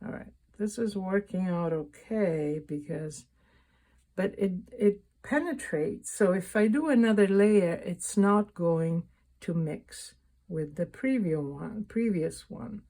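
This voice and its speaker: A woman giving a casual, unscripted painting tutorial, thinking aloud in a halting way and often rephrasing mid-sentence. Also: fairly low pitch, warm tone. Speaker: painting instructor and vlogger.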